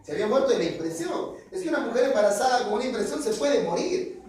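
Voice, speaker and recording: A high-voiced man retells a novel for students in a loose, dramatic way, slipping in wry asides. He sounds set well back from the mic in a very echoey room. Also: sing-song, fast talker, darkish tone, distant mic. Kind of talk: casual storytelling summary with jokes.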